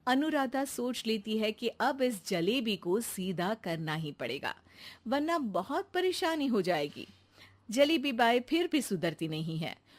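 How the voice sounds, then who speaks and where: A woman narrating a cartoon story in a steady, matter-of-fact way. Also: on the high side, unhurried.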